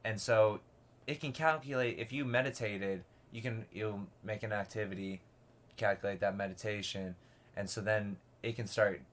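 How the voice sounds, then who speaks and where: A man's voice: on the low side, steady tone, normal speed, a bit bright. A man in casual podcast conversation, rambling and peppering his talk with "like" and restarts.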